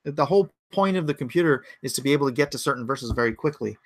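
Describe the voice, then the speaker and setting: Answering chat comments on a casual livestream from his home computer, a man in his forties rambles and thinks aloud. He speaks fast in a mid-range voice with lively intonation.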